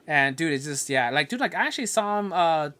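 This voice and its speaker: A man's voice: a little high, animated, brisk, sharp tone. A man co-hosting a podcast, rambling casually with lots of "um" and sentences he starts over. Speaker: podcast co-host. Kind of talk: casual chat.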